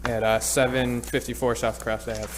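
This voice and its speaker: A man's voice: mid-range voice, level tone, moderate pace, background noise. A man, a business owner requesting a permit at a public hearing, speaking hesitantly with many fillers.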